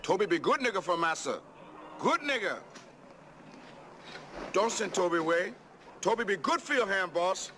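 A man's voice: sits high, lively intonation, moderate pace, pauses often, a bit bright. A man playing a pleading servant who keeps begging not to be sent away, over background noise. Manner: begging, repetitive.

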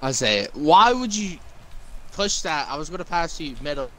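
A man's voice: a little high, lively intonation, moderate pace, pushed and bright, a little hiss or hum. A young man joking around with friends in a casual gaming voice chat. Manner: joking, playful. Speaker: gaming teammate.

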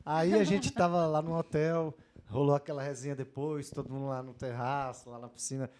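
A man's voice: a little high, steady tone, brisk, a little mellow. A man, a singer, chatting casually as a guest and telling anecdotes. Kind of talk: casual chat.

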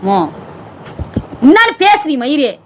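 A woman's voice: sits high, very animated, measured pace, a little hiss or hum, poor audio. A woman performing a comedy skit, nagging and scolding someone in an insistent, impatient way. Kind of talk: scripted comedy argument.

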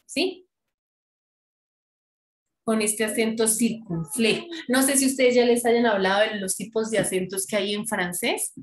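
A woman's voice: fairly high pitch, fairly even intonation, measured pace, long pauses, echoey room. A woman teaching a French class online, explaining patiently and often checking that students follow. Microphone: computer mic on video call.

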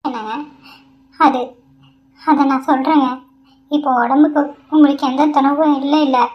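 A woman plays an anxious village wife in a cartoon, explaining urgently in a high voice. The recording sounds dull and lo-fi. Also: fairly even intonation, normal speed, natural voice. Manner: earnest, explaining. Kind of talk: Tamil cartoon voice acting. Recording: dull lo-fi audio.

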